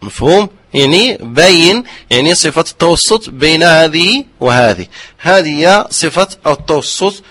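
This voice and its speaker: A man teaching the rules of Quran recitation, slowly modelling the sounds and often asking his listeners if they understood. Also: fairly high pitch, expressive, a bit bright. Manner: checks understanding with repeated questions; slowly drawn-out demonstrations of pronunciation. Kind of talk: explanatory religious lesson.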